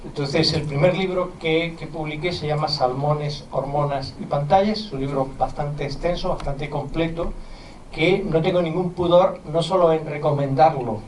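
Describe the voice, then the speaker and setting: A middle-aged man with a mild Andalusian accent lectures earnestly to an audience of parents, slipping in conversational asides. His fairly high voice is picked up from a distance. It echoes around a roomy hall with faint noise underneath. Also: darkish tone. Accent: mild Andalusian Spanish. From southern Spain. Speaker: physician and university lecturer.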